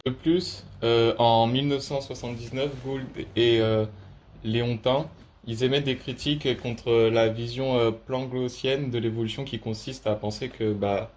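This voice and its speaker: A young male student reads out a prepared explanation. His voice stays flat, with little rise or fall, and he halts often on drawn-out hesitations. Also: mid-range voice. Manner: halting, with very frequent drawn-out hesitations. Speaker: student presenter.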